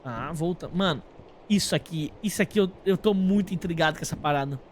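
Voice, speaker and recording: A Brazilian man streams a game, giving casual, slangy commentary to his live chat and thinking out loud as he plays. His voice is on the high side and brisk, with a little hiss or hum.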